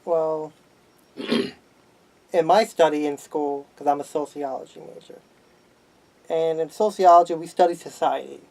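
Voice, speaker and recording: Male guest, sociology student, mellow tone, measured explanations, slightly high. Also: fairly even intonation, poor audio. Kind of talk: casual discussion.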